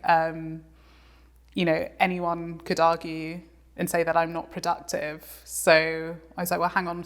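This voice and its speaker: A woman, a composer talking reflectively as an interview guest, with many ums and restarts. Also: fairly low pitch. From England. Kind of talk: casual interview conversation.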